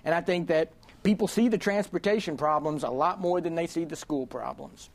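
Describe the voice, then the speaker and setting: A man's voice: a little high, brisk. A man speaking as a panelist on a political roundtable, chatty and joking, with many "you know"s. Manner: joking, chatty, fond of 'you know'.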